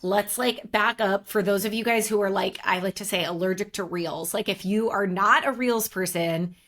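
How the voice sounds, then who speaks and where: Interviewer, woman, scratchy voice, casual and chatty, mid-pitch. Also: normal speed, a bit bright. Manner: chatty, friendly, lots of fillers. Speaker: podcast co-host interviewer.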